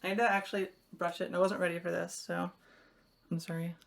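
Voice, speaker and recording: A woman's voice: on the low side, level tone, fast talker, vocal fry. A young woman live-streaming from home, rambling chattily to her viewers while she fiddles with something. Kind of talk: casual live-stream chat.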